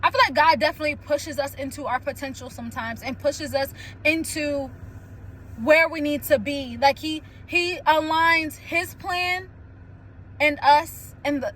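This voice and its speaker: A young woman hosting a casual solo chat, telling stories candidly with lots of "like" and quick laughs. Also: sits high, a little hiss or hum, poor audio. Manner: candid, animated storytelling with frequent "like" and laughs. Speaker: podcast host.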